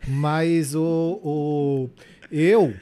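Brief: Brazilian male podcast host, joking, asks questions, a bit high-pitched. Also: steady tone, very slow, warm tone. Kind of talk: casual interview chat.

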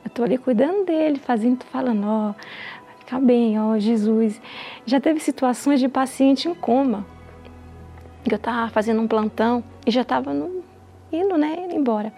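Woman, nurse, gives earnest faith testimony; high, gravelly, faint music behind. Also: animated, a little fast, warm tone. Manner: earnest storytelling that acts out quoted dialogue.

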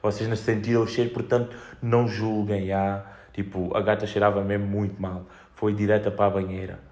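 A man's voice: on the low side, level tone, a little fast, darkish tone. A young man with a European Portuguese accent, chatting casually on his own in a slangy, sweary, joking way, telling rambling anecdotes as a podcast host.

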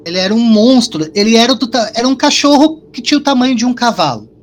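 A man co-hosting a podcast, telling a personal story in casual, animated, profane chat. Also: very high-pitched, fast talker, slight background noise.

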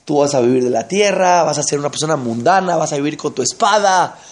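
A man voicing an old father who gently consoles his son in a soothing, reassuring way. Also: a little high, expressive, fast, lightly acted. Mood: consoling.

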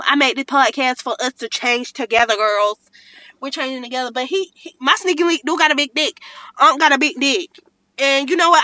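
Podcasting from a car at night, a young woman rants casually to her listeners, handing out blunt, profane advice. Her voice is high-pitched and bright with a forceful tone.

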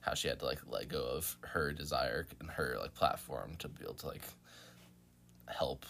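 A man co-hosting a sports podcast, talking informally and a bit haltingly, with "like" dropped in often. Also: a bass voice, vocal fry, pushed and bright, a little hiss or hum. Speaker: podcast co-host. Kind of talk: casual sports podcast chat.

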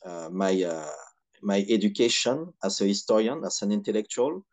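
Guy from benin, beninese french accent, kinda low voice, thoughtful interview answers w lots of pauses. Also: lively intonation, darkish tone. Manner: measured, hesitant phrasing with frequent pauses. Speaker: podcast guest, historian and activist.

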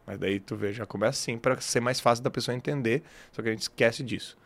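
A man's voice: medium pitch, fast, a bit bright. A man, an English teacher, talking as a guest in a casual podcast conversation, explaining emphatically with lots of slang.

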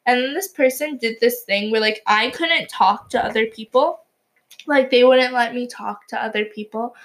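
A woman's voice: a little high, normal speed, fairly bright tone. A teenage girl co-hosting a podcast, telling a story in casual chat with frequent giggles and "like" fillers. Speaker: podcast co-host.

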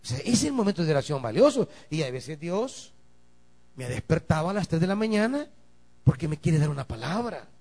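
Male pastor, high and very lively delivery, alternating murmurs with shouted emphasis to the church. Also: brisk. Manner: swings from quiet asides to shouted emphasis, calls to the congregation. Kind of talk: sermon.

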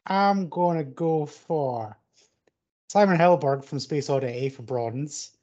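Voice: mid-range voice, takes it slowly, warm tone. A co-host on a casual film podcast, talking bluntly and laughing easily. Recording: dull lo-fi audio.

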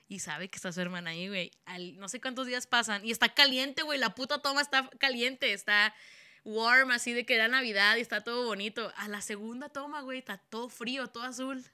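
A young woman with a Mexican accent, co-hosting a podcast in animated, slangy casual chat, laughing often. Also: a little high, clear, resonant tone. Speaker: podcast co-host.

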